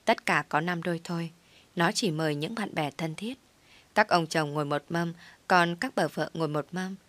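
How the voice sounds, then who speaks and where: Woman storyteller, low voice, dry close recording, steady scripted narration. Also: moderate pace, no room sound. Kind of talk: scripted first-person narration of a comic story.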